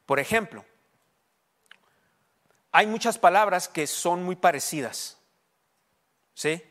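A man preaching a sermon in a conversational way, often asking listeners if they understand and slowing down to stress key words. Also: sits high, animated, fairly bright tone. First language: Spanish. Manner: conversational preaching, frequent check-ins with listeners; emphatic, slows down on key words. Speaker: pastor.

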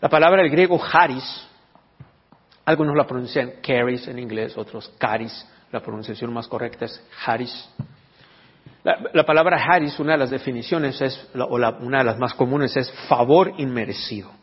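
A husky male pastor teaches his congregation, often stopping to ask whether they follow. His voice rings with a long reverb through a church hall, and the recording is dull. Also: mid-range voice, moderate pace. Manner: teaching, asks the congregation questions. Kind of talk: sermon.

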